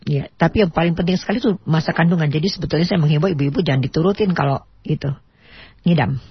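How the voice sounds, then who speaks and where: A woman on a radio talk show giving parenting advice, explaining with animated emphasis and acting out parent speech. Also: deep voice, fast talker, slightly rough, no room sound. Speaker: parenting expert guest. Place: radio studio. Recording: dull lo-fi radio audio.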